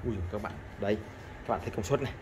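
A man's voice: fairly low pitch, racing, loud music behind the voice. A man vlogging as he tests scrap electronics, chatting to viewers and repeating himself often. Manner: chatty, addresses viewers constantly, repeats phrases. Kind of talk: casual hands-on demonstration.

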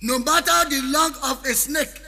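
High bright Nigerian Pidgin preacher-singer. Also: male voice, normal speed, vocal fry. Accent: Nigerian Pidgin, Edo. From Benin City, Nigeria. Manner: preachy, proverb-laden, half-sung. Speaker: highlife musician. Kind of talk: spoken-word chant over music. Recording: long reverb with backing music.

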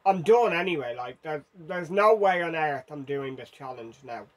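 A man's voice: on the high side, lively intonation, normal speed. Frantic man narrating his own gameplay. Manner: frantic, self-mocking, urgent. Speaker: gaming video host. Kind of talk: live gameplay commentary.

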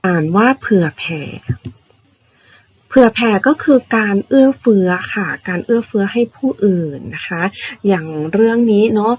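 A woman primary school teacher patiently explaining vocabulary words to young children, spelling them out slowly. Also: mid-range voice, highs cut off. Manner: patient, spells words out slowly, ends phrases with polite particles.

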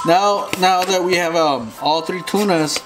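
Slow-talking bilingual man. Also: sits high, heavy background noise. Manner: repeats each phrase in English and Spanish. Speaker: home cooking vlogger. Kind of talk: casual bilingual cooking narration. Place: home kitchen, indoors. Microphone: camera mic, off screen behind the camera. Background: music.

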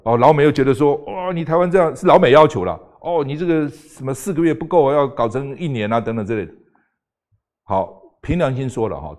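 A man's voice: medium pitch, darkish tone. An older man, a talk show guest arguing emphatically and firing off rhetorical questions. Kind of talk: political talk show debate.

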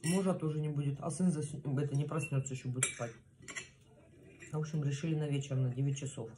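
A woman in her thirties chatting casually to the camera at home, chewing as she talks and pausing for bites. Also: deep voice, steady tone. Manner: chewing while talking, with pauses for bites. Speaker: mukbang vlogger. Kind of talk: casual chat to camera while eating. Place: small room at home, indoors. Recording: clear background noise, cutlery and dish clatter. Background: cutlery and plates clinking.

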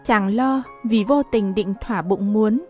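A woman narrating a short story for an audiobook in a calm, measured way. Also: medium pitch. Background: faint music.

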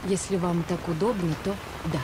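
An actress playing a brisk, anxious, sharp-tongued party organiser in a melodrama series, pushy and sarcastic. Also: female voice, fairly low pitch, steady tone, background noise, close to an everyday voice. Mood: pleading. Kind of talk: naturalistic screen acting in a melodrama series.

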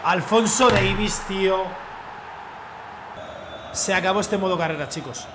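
A man from commentating his own football video game match, cheering loudly at goals and repeating his phrases. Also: high voice, a little slow, background noise. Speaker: gaming youtuber. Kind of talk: excited live gameplay commentary.

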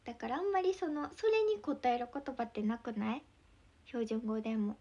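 A young woman with a Mie dialect accent, chatting casually on a livestream, giggling often and sometimes dropping into soft whispers. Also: a little high, big pitch swings, normal speed, slightly rough. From Mie Prefecture, Japan. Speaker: idol livestreamer.

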